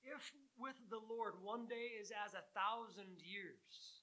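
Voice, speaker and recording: A man's voice: high-pitched, slow pace, sharp tone, poor audio. A man preaching a sermon to his congregation in a conversational way, asking rhetorical questions and reading scripture aloud. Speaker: pastor.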